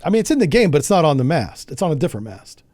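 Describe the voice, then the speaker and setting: Male streamer, chatty and quick to laugh, higher-pitched speaking voice. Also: big pitch swings, darkish tone, dry recording. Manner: chatty, jokey, laughs often, thinks aloud. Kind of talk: casual live gameplay commentary.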